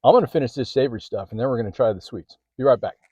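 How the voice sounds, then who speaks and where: A man's voice: mid-range voice, rapid-fire, slightly rough, dry recording, lo-fi sound. Chatty man tasting food on camera. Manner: chatty, eats while talking, mouth full at times. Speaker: food vlogger. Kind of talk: casual food tasting vlog. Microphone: handheld phone or camera.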